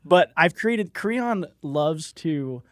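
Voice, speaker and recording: Guest DM, male, high voice, giggly, self-deprecating, dry close mic. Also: animated, drawn-out words, no room sound. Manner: laughing often, self-deprecating. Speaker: guest, dungeon master. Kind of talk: casual podcast chat.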